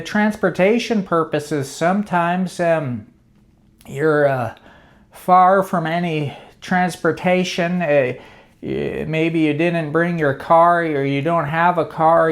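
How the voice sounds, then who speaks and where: A man with a slightly high voice talks to his channel's viewers in an unhurried, rambling monologue. He circles around his points, breaks off mid-phrase and tries again, and sounds as if he is working out each idea as he speaks. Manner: meandering, hesitant, many restarts. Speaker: channel host. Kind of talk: casual brainstorming monologue.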